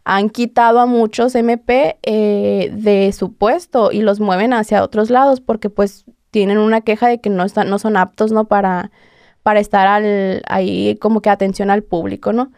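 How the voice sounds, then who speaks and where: A woman's voice: mid-range voice, steady tone, normal speed, a little mellow, clean tone, dry recording, clean studio sound. A young woman with a Mexican accent, a podcast guest telling her story casually with lots of fillers and acted-out quotes. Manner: conversational, heavy fillers, acts out quotes.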